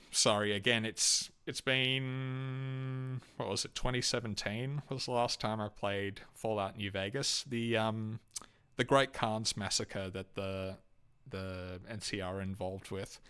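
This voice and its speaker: A young Australian man rambles through his opinions in a loose, halting way, full of ums, uhs and restarts. His voice sits a little low and comes across smooth and clean. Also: a bit bright. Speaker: YouTube host ranking game companions. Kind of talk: casual unscripted commentary.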